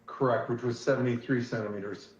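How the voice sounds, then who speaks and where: A man testifying as an expert witness in a courtroom recording, giving short, measured answers. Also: medium pitch, fairly even intonation. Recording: echoey dull courtroom audio.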